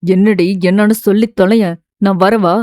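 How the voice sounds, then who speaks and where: A woman voicing an impulsive young man, blunt and rough-spoken, in a dry, close audiobook recording. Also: medium pitch, fairly even intonation, normal speed, dark tone, no room sound, voice pushed down, natural voice. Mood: panicked.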